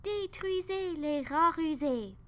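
A woman's voice: a little high, lively intonation, slow, sharp tone, full character voice. A woman voicing a bossy, angry male ship captain in a storybook reading, barking orders. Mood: furious.

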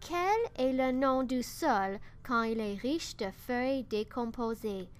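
A woman's voice: a little high, takes it slowly. A woman voicing a wise, teasing old owl who asks patient, coaxing questions.

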